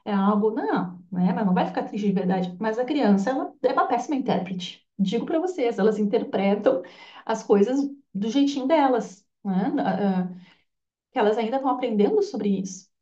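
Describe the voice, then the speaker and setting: Here the Bach flower therapy teacher sounds mellow and a little high, her intonation lively and her pace moderate. She keeps the lecture casual and talkative, often tacking on tag questions and slipping into quoted voices. An echoey room and a far-off lo-fi mic color the sound.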